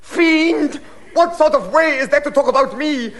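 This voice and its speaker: High-voiced theatrical mad scientist baron. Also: male voice, a little slow, fairly bright tone. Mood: wounded, self-pitying. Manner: theatrical, gloating and wheedling. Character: mad scientist baron, lecherous, self-pitying foul fiend. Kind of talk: radio comedy acting.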